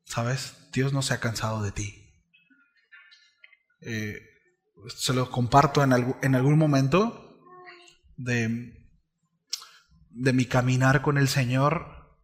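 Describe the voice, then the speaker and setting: A man preaching a sermon as pastor, conversational, often checking in with his congregation, shifting between soft asides and loud, emphatic declarations. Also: mid-range voice, fairly even intonation, slow pace, pauses often.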